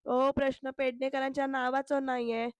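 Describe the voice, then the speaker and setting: A woman's voice: sits high, flat delivery, normal speed, no room sound, close to an everyday voice. A woman voicing a fierce proud matriarch. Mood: defiant.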